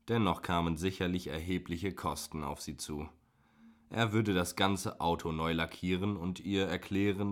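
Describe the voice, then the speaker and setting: A man narrating a German crime story as an audiobook, in a measured, wry way. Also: sits low. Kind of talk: audiobook reading.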